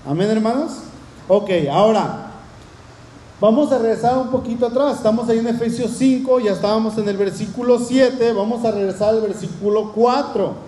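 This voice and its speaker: A man's voice: high-pitched, moderate pace, dark tone. A man preaching a sermon in earnest, often asking the congregation questions. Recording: echoey room.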